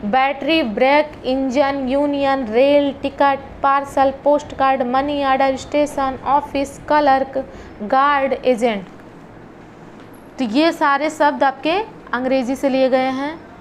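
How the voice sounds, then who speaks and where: A woman with a high voice gives an exam-prep lesson at an unhurried pace. She reads out long lists of words one by one, stopping now and then to explain. Faint noise sits behind her. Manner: reads word lists slowly, with short explanations. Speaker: teacher.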